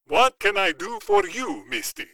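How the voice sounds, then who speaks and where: A cautious, businesslike alien merchant from a storybook, as a male narrator puts him on. He talks slowly and deliberately in a high, bright, gravelly voice. The recording is dry and close. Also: huge pitch swings, no echo, full character voice, low-quality recording. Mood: wary.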